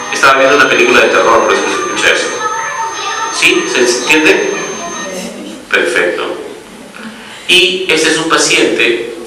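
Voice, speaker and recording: A man's voice: medium pitch, heavy reverb, far from the mic, background noise. A man giving a medical lecture as a pediatric doctor, explaining step by step and often checking that the audience follows.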